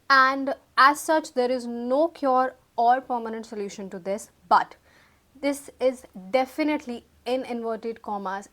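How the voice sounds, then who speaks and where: A woman's voice: fairly high pitch, a bit bright. Chatty young woman vlogging. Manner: chatty, self-mocking, fumbles words and laughs it off. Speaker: YouTube vlogger. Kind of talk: casual chat to camera, mixing Hindi and English.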